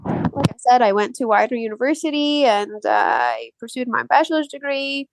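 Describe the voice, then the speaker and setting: A young woman from Algeria, a podcast guest, talks in a casual, hesitant way with many fillers and soft laughs. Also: fairly high pitch, normal speed, vocal fry, noisy background. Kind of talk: casual interview chat.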